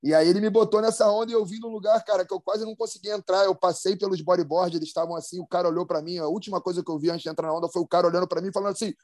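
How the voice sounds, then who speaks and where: A man's voice: sits high, steady tone, rapid-fire, few pauses, a little mellow, no echo, clean studio sound. A man, a professional big-wave surfer, telling a story in casual, slang-heavy talk, with many restarts and sound effects. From Brazil. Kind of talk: casual storytelling in a podcast chat.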